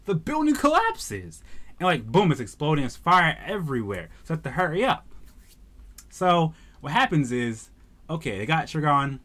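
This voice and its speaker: Excitable man retelling an anime. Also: fairly high pitch. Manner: excitable storyteller, slangy. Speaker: anime reviewer. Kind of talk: casual anime review.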